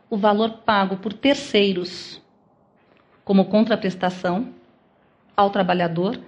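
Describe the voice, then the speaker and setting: A woman with a Brazilian accent delivers an academic lecture at a medium pitch, working through each point with questions she then answers herself. The recording is dull and lo-fi, like a captured lecture hall talk. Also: a little mellow. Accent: Brazilian Portuguese. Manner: explains step by step with rhetorical questions. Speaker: law lecturer.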